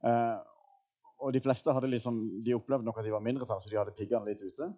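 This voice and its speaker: Norwegian-speaking preacher, mellow and chatty. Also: male voice, mid-range voice, level tone, dull audio. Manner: casual storytelling with fillers and laughs. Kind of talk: sermon. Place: church hall.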